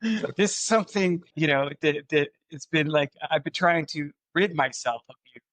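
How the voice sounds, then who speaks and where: A man's voice: on the high side, normal speed, a bit bright, no room sound, rough recording. A man hosting a casual podcast interview, teasing his guest and rambling with restarts. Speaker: podcast host, company CEO.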